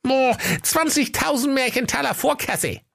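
A man doing a squeaky, cocky con-man shopkeeper. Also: lively intonation, vocal fry, a bit bright, full character voice. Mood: salesy. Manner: cocky, fast-talking salesman patter. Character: cheeky crooked young shopkeeper, male.

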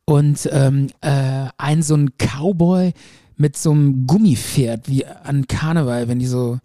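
A man's voice: mid-range voice, measured pace, no room sound, studio quality. A man casually telling a long story on a podcast, rambling and acting out the quotes. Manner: animated, rambling, acts out quotes. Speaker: podcast co-host.

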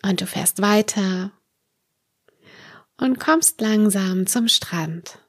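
A woman narrates a guided meditation at a slow, unhurried pace, placing short soothing phrases between pauses. Her mid-pitched voice has a creaky edge and gentle delivery, recorded dry and close without room sound. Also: dry recording. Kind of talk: guided meditation, a calm narrated dream journey.

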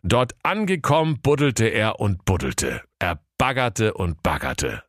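A man's voice: on the low side, very animated, measured pace, fairly bright tone, no echo, clean studio sound. A man narrating a comic fairy-tale parody in a mock-solemn storytelling tone.

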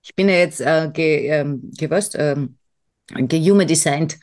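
A woman's voice: low-pitched, unhurried, a little mellow. A woman co-hosting a podcast in casual chat, rambling and self-mocking, with many fillers and restarts. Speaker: podcast co-host.

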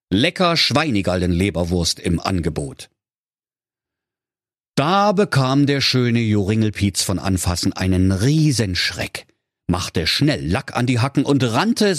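A man narrating a comic fairy tale for children in a playful, lively storytelling manner. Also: medium pitch, slightly rough, no room sound, clean studio sound.

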